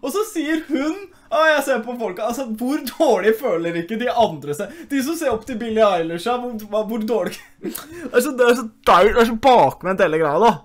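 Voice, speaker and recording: A man's voice: very high voice, animated. A young man with an Oslo youth-slang accent, ranting casually to his viewers, with plenty of slang and swearing. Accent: Norwegian (Oslo youth slang). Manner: slangy, swears often, addresses viewers as "the guys". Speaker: YouTuber reacting to news. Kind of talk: casual rant.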